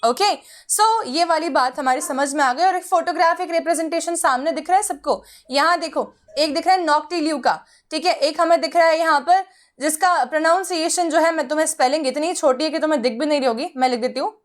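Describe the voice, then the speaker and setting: A young woman with a high voice and an Indian English accent gives an online biology lecture. She mixes Hindi and English and talks straight to her students, walking them through each point. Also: a little fast. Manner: mixes Hindi and English, explains step by step, addresses students directly. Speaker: biology teacher. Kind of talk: online exam-prep lecture.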